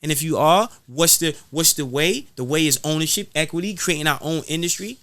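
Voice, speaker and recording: A guest rapper being interviewed speaks in an impassioned, preachy podcast style, repeating phrases for emphasis. His voice sits on the high side, fairly quick and a bit bright, with no echo.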